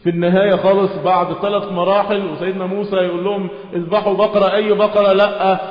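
A man with an Egyptian accent giving a Quran lesson, moving between lively dialect explanation with rhetorical questions and slow recitation. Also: high voice. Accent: Egyptian Arabic. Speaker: religious teacher. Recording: echoey hall, muffled lo-fi sound.

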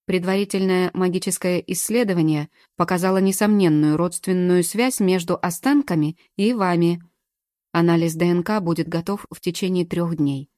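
A woman reading a calm, firm male investigator. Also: on the low side, normal speed, dry recording, clean studio sound, natural voice. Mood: level. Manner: calm, level and pressing. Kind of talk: audiobook character reading.

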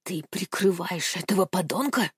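A woman's voice: mid-range voice, lively intonation, a little fast, a little mellow, breathy edge, dry recording. A woman doing a stern hissing old grandfather. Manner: commanding, hissing.

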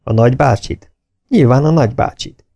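A man voicing a big, confident spy with a slow, charming drawl in an audiobook. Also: medium pitch, gravelly, dark tone, no echo. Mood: smooth.

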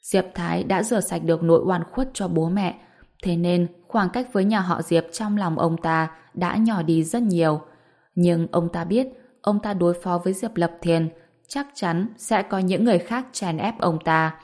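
A woman's voice: fairly low pitch, normal speed. A woman reading a serialized novel aloud as narrator, raising her voice for the characters' lines. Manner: steady storytelling, lifting her voice for the characters' lines. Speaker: audiobook narrator.

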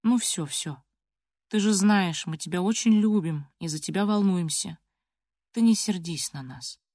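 A woman's voice: medium pitch, quick pace, no room sound, clean studio sound, lightly acted. Woman voicing a stern old grandfather. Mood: soft soothing.

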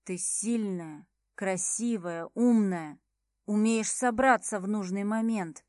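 A woman reading the lines of a cold, manipulative adult man who speaks smoothly and evenly with hidden menace, in a slow, unhurried audiobook delivery. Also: mid-range voice, darkish tone, no echo, close to an everyday voice. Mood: coaxing.

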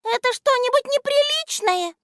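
A woman doing a tiny timid squeaky eraser creature. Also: expressive, moderate pace, a bit bright, no echo, clean studio sound.

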